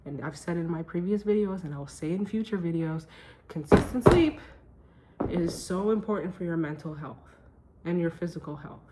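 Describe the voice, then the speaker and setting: Talking a little fast in a fairly low voice, a woman makes a chatty nighttime vlog at home while background noise plays. She describes her day and her research on well-being with emphasis and plenty of self-deprecating jokes.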